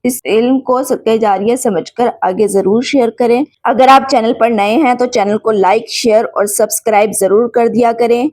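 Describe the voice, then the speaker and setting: Female tajweed teacher, higher voice, slow clear drills, close dry mic. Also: fairly even intonation, a little mellow, dry recording. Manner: clear, deliberate syllable drills with patient explanation. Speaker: Quran recitation teacher.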